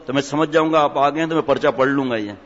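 A man, a cleric giving a humorous sermon in a mosque, teasing his audience with jokes and stories. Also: a little high. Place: mosque hall. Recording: echoey hall, dull lo-fi sound.

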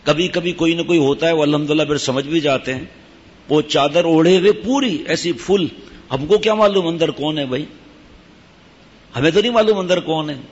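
A man with a somewhat husky, fairly high voice gives an informal religious talk to his disciples. He keeps it conversational and stops now and then to speak directly to his listeners. The recording is dull and rings with a long hall echo. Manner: conversational, breaks off to give asides to listeners. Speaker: sheikh teaching disciples. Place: gathering in a Sufi lodge.

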